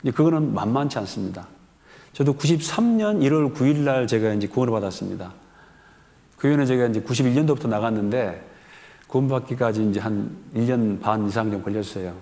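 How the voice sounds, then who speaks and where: A man's voice: mid-range voice, expressive, a little fast, mellow. A man in his fifties, a pastor giving a sermon in a church, talking to the congregation in a conversational way with many questions to them. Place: church sanctuary. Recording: long hall reverb in a church.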